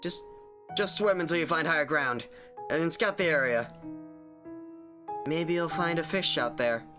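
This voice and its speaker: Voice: mid-range voice, measured pace, music in the background, natural voice. A streamer voicing an earnest, self-sacrificing young woman from a survival horror game, with amateurish, hammy acting. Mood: earnest, reassuring.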